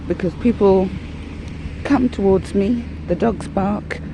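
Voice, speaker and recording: A woman with a medium-pitched voice talks slowly while walking her dogs outside, out of breath. Her monologue is rambling, candid, and wry, with background noise and faint outdoor ambience.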